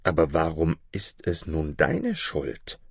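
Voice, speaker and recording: A man voicing a mountain spirit disguised as a respectable burgher, speaking gently and consolingly. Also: extremely low pitch, huge pitch swings, slow pace, gravelly, breathy edge, no room sound, clean studio sound, voice pushed down, heavily acted. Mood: gentle.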